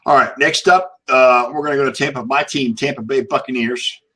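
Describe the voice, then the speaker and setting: A man hosting casual sports talk in a halting way, often repeating words as he goes. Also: medium pitch, fairly even intonation, bright, forceful tone, breathy edge. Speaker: sports show host.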